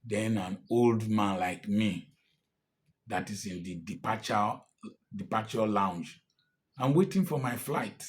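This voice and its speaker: Taking it slowly in a fairly low-pitched voice, a man in his sixties with a Nigerian accent delivers an impassioned political address as a commentator. He sounds emphatic and defiant, at points breaking into angry outbursts.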